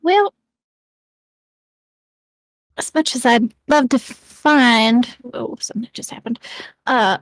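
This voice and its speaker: A woman with a fairly high voice chats as a player in a tabletop game. She is loose and unhurried and laughs as she talks. The recording is dry. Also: no echo, rough recording. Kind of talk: casual tabletop game chat.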